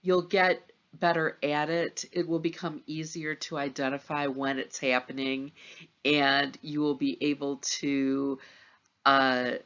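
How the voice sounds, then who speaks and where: A middle-aged woman giving a gentle, encouraging motivational pep talk as a teacher, speaking in a measured, reassuring way with deliberate pauses, in a dull lo-fi recording. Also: sits low, fairly even intonation. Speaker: teacher addressing students at semester's end.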